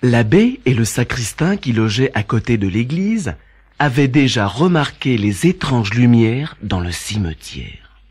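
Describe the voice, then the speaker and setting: A man narrating a children's story in an expressive, animated reading. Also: mid-range voice, a little slow, breathy edge. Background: faint background music.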